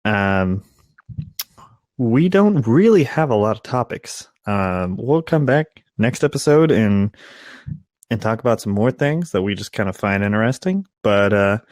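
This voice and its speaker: A man's voice: fairly low pitch, animated, measured pace, a little mellow, no echo. A young man co-hosting a podcast in casual chat, teasing and playful. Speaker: podcast co-host.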